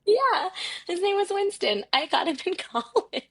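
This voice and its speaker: A woman's voice: extremely high pitch, sing-song, a little slow. A woman co-hosting a podcast in casual chat, talking from inside a closet at home and laughing often. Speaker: podcast co-host.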